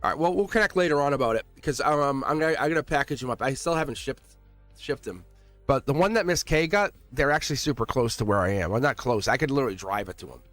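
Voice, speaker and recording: A man with a Boston accent hosting a casual live tarot reading, chatting to viewers in an excitable, chummy, slangy way. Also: medium pitch, quick pace, dry recording, faint music behind. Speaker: tarot reader and livestream host.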